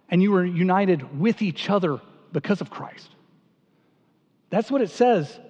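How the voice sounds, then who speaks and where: High voiced pastor guy preaching, repeats himself a lot, asks the crowd questions, big echoey church. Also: darkish tone. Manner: earnest, repeats words, asks the congregation questions. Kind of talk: sermon. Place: church sanctuary. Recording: dull sound with a long hall reverb.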